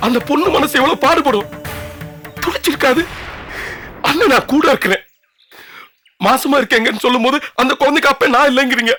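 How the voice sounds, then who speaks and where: Brief: earnest pleading brother, high and quick, clear score behind. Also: male voice, pushed and bright, exaggerated voice. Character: pleading older brother defending his sister. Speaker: older brother. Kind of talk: TV serial acting. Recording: background score music. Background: background score music.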